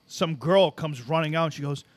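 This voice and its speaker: Animated storytelling man, fairly high voice. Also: a little fast, a crowd in the background. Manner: animated, swears often, acts out other people's lines. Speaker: podcast co-host. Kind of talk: casual storytelling chat.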